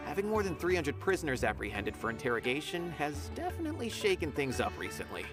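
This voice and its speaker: This game clip features an actor as a dutiful, well-mannered young academy officer reporting news with earnest politeness. His fairly high voice moves fast and swings hugely in pitch, over loud background music.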